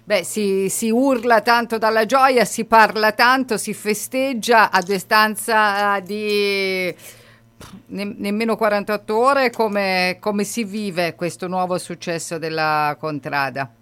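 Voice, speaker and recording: A woman hosting a radio interview, asking lively questions with filler hesitations. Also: medium pitch, takes it slowly, clear, resonant tone, no echo. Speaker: radio host.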